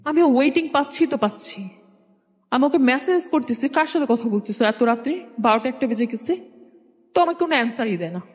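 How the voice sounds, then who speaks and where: A fast-talking young woman with a fairly high, expressive voice relates her life story as a guest, using a Bangladeshi accent and a relaxed, conversational style that often quotes exchanges. The recording carries a reverberant, hall-like echo.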